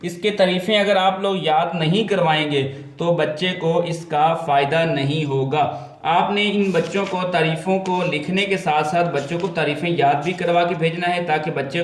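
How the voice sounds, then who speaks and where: A man with a Pakistani accent talks parents and tutors through a first-grade reading book. His voice sits a little high, and the room has a noticeable echo. He is patient and repetitive, and he spells out letter sounds slowly. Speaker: teacher. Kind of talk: explaining a textbook lesson to parents and tutors.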